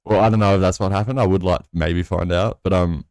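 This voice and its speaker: A man's voice: sits low, fairly even intonation, fast talker, darkish tone, dry recording, clean studio sound. A young man casually telling a rambling, sweary story on a podcast. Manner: sweary, rambling, laid-back. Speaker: podcast co-host.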